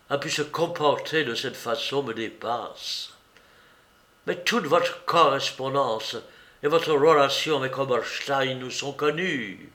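A man voicing a sharp-minded male detective who lays out his case against a suspect in a measured, accusing way, in a storybook reading. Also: mid-range voice, echoey room. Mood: stern.

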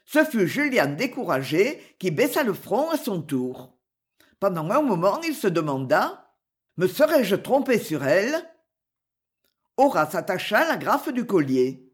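A narrator reading a classic novel aloud in a slow, expressive storytelling manner. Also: medium pitch. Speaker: audiobook narrator. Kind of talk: scripted literary narration.

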